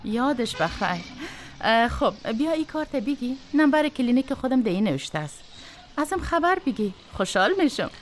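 A woman's voice: fairly high pitch, very animated, slight background noise. An actress in her forties with an Afghan Dari accent, playing a busy doctor and mother in a radio drama. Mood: delighted. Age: 40s. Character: busy woman doctor near fifty, caring, flustered. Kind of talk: radio drama acting and narration.

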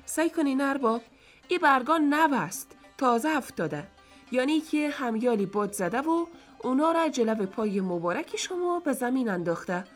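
A woman voicing a young, quick-witted male servant who answers his master politely and pleadingly. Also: high-pitched, lively intonation, faint music behind, pitched above the performer's own voice.

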